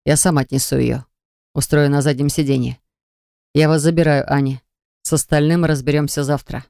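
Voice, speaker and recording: Woman doing a gruff, tense husband. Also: on the high side, steady tone, moderate pace, a little mellow, no echo, studio quality, pitched below the performer's own voice. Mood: soft. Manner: growling, strained.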